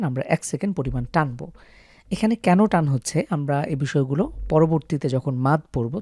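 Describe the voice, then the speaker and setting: A man's voice: a little high, darkish tone, dry recording, studio quality. A man teaching how to pronounce Arabic letters, explaining patiently step by step to viewers. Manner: patient, step-by-step, stretches out the sample letter sounds. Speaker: Quran recitation teacher.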